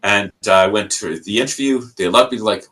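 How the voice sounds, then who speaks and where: A young Canadian man with a Canadian accent, appearing as a podcast guest, tells his story casually in a fairly low voice at a slightly fast pace. He's animated and acts out the people he quotes.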